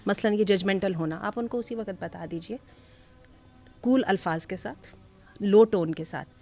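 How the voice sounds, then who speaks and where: Panel guest, female, mid-pitched, measured, quotes scripture, faint music behind. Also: a little mellow. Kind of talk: panel discussion.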